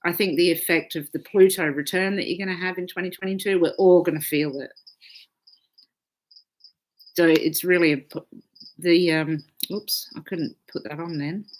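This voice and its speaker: A woman's voice: on the low side, steady tone, moderate pace, slight background noise. A woman astrologer hosting a casual live stream, chatting freely, swearing often and reading out viewer comments.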